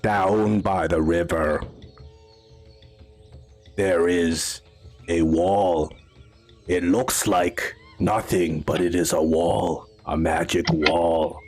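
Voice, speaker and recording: Furtive game creature played by a man: demonic, possessed-sounding low voice, slow broken phrases, husky edge, music underneath. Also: steady tone, darkish tone, exaggerated voice. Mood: ominous. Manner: slow, halting broken speech in short phrases. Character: furtive, friendly elder creature guide speaking broken language.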